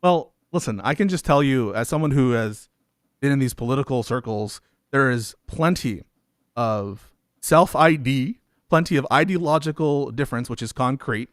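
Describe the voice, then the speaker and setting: A man's voice: mid-range voice, normal speed, no room sound. Argumentative man in a dry room. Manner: interrupts with repeated "wait", argumentative. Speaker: debate host. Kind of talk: heated online debate.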